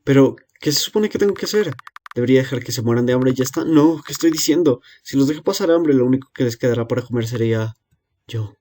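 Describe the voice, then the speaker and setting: A man voicing a lonely young girl left alone to feed monsters in her cellar, reading game dialogue aloud with a hesitant, quiet delivery. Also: mid-range voice, expressive, fast, lightly acted. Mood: anxious.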